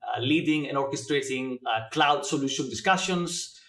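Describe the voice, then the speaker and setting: A man in his forties, originally from Greece, explaining his work as a guest, with many filler pauses between thoughts. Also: medium pitch, fairly bright tone. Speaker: guest, blockchain educator. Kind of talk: interview answers. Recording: echoey room.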